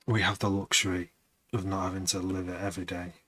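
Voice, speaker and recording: Deep voiced guy rambling on his music stream, bright sharp tone, keeps restarting sentences. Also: completely flat delivery, fast talker, a little hiss or hum, rough recording. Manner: rambling, hesitant, many restarts. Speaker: music producer streaming a session. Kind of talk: casual live-stream chat.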